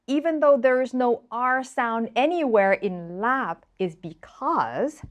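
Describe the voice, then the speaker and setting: A woman from Thailand with a Thai accent, a cooking channel host explaining things casually to camera with exasperated asides. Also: takes it slowly. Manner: animated, exasperated asides, rising pitch for quoted viewers.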